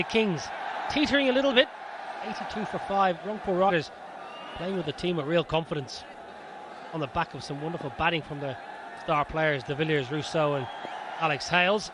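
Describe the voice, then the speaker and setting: A man giving live cricket commentary as a match commentator. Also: fairly high pitch. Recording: stadium crowd noise behind. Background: noisy cricket stadium crowd.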